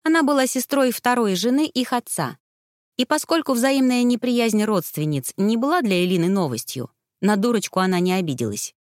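A woman reading a fantasy novel aloud as audiobook narrator, in an expressive storytelling voice. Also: fairly high pitch, moderate pace, no room sound, studio quality. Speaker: audiobook reader. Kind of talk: scripted narration.

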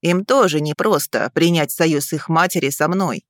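A woman reading the part of a calm, affectionate noble father who is a werewolf, in an audiobook. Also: low-pitched, normal speed, dry recording, clean studio sound, close to an everyday voice. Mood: reasoning.

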